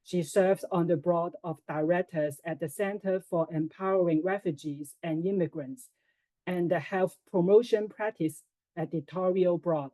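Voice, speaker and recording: A woman moderates a webinar and reads out a speaker's introduction from a script. Her delivery is measured and formal. Her voice is low and mellow, and it sounds dry, with no room echo. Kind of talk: reading a prepared introduction.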